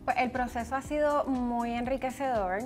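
A woman's voice: on the high side, fairly even intonation, normal speed, soft background music. A woman, a dancer guest on a TV show, speaking hesitantly with many fillers. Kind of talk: TV interview. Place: TV studio set.

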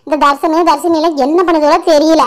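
A woman's voice: high-pitched, little pitch movement, fairly quick, lightly acted. A woman voicing a bossy, grumbling village grandmother in a doll show. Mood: weary. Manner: scolding, complaining village Tamil.

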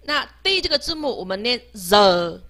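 A woman with a fairly high, bright, forward voice leads a beginner language lesson. She works patiently, sounding out each letter slowly, three times over. She tags her phrases with a soft "ha". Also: very animated. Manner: ends phrases with a soft "ha" tag. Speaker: Vietnamese language teacher.

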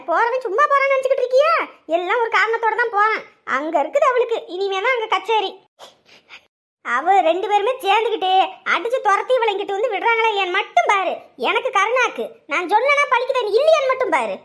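A woman voicing a quarrelsome, loud-mouthed village woman in a family drama, scolding shrilly. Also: extremely high pitch, lively intonation, fast talker. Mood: gossiping. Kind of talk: Tamil family drama acting.

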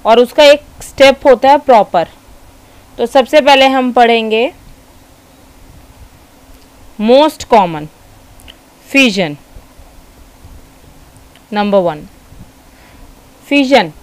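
A woman with an Indian accent teaching a school science class, mixing Hindi and English, dictating notes slowly and reminding students to listen carefully. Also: on the high side, animated, clear, resonant tone, no echo, rough recording. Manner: slow, dictating notes word by word, switching between Hindi and English.

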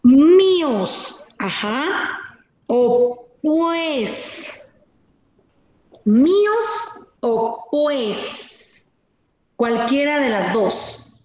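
A woman teaching a class over a video call, explaining slowly and asking her pupils questions. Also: on the high side, lively intonation. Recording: very echoey room with faint noise.

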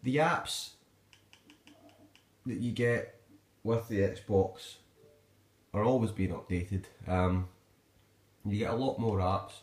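Holding his phone camera in the living room, a Scottish man reviews a gadget off the cuff, casual and rambling with plenty of hesitation. He has a lowish voice and speaks slowly, pausing often, in an echoey room.

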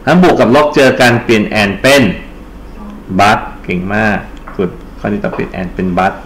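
A man's voice: lowish voice, animated, moderate pace, fairly bright tone, slight background noise. Thai man teaching English grammar in an echoey room. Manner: explains step by step, asks the class questions and answers them himself. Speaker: English tutor. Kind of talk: exam-prep lecture.

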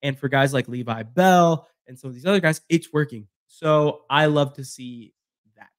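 A man co-hosts a casual sports podcast. He talks in an animated way and often repeats himself. His voice sits a little high and sounds dry and close. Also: moderate pace, no room sound. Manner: animated, repeats phrases, laughs easily. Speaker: podcast co-host.

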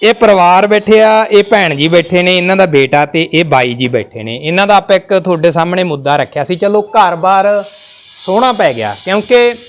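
A male reporter speaks earnestly to camera from a family's home. His voice sits high, and he consoles the people around him. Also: expressive, normal speed. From Punjab. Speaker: reporter host. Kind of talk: on-location report.

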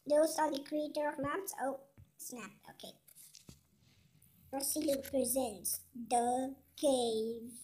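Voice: little pitch movement, slow, warm tone. A gaming channel host talking through a puzzle game in a chipmunk voice effect, chatty and often asking "okay?". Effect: chipmunk voice, sped-up high-pitched filter. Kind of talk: casual let's-play commentary.

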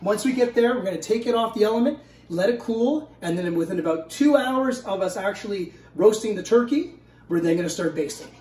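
A man's voice: sits high, lively intonation, fairly quick, darkish tone, distant mic. A middle-aged man hosting a home cooking show, walking through a recipe step by step in an easygoing way and often asking "okay?" while he works in his kitchen. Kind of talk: casual cooking demonstration. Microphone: camera mic at a distance. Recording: echoey kitchen, voice from off-mic.

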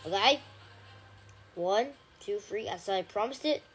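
A woman giving casual gameplay commentary, chatty with frequent ums and sudden excited shouts. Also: mid-range voice, unhurried, a little hiss or hum. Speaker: gaming channel host.

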